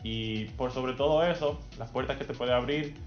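A man's voice: mid-range voice, moderate pace, reverberant, muffled recording, soft background music. A man of twenty-two, a young athlete answering interview questions thoughtfully, with frequent hesitations.

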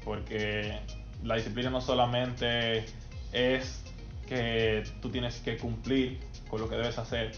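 A man's voice: medium pitch, flat delivery, slow pace, a bit bright, lo-fi sound, soft background music. Thoughtful young man, roomy sound. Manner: thoughtful, with frequent hesitations. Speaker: young athlete guest. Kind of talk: interview answers.

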